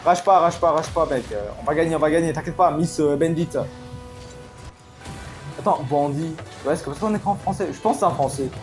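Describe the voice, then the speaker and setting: A gamer commenting live on an online match, excitable, swinging from low mutters to loud outbursts. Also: brisk, faint music behind. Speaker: gaming commentator.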